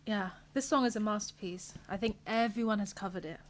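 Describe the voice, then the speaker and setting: A singer chatting bubbly and quickly from home over a video call. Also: female voice, medium pitch. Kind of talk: casual chat.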